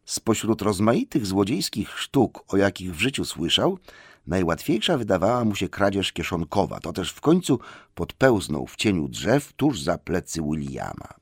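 A man narrating a storybook with a lively, expressive delivery. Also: sits low, normal speed, breathy edge, no echo, clean studio sound. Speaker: audiobook narrator.

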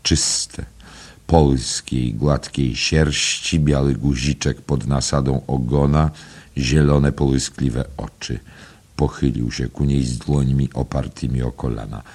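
A man narrating a literary novel in a calm, unhurried reading. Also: extremely low pitch, breathy edge. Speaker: audiobook narrator. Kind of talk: scripted narration.

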